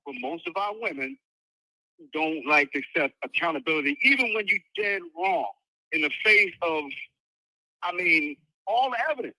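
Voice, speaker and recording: A man phones into a live show and makes his points with force. His voice is high and very bright. The sound is dry. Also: dry recording, poor audio. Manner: emphatic, rising to loud points. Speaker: caller. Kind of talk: phone-in opinion.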